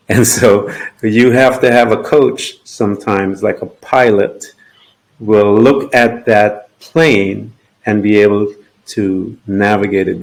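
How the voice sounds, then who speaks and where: A male podcast host with a lowish voice who speaks slowly and haltingly. He pauses often and fills the gaps as he works through an idea. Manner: slow, halting, many fillers. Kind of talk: casual interview.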